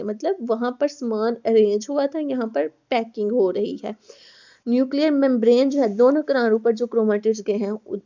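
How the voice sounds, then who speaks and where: A woman's voice: fairly high pitch, mellow. Woman lecturing, dull lo-fi recording. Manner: explains step by step, addresses students as children, repeats words. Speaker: college biology lecturer.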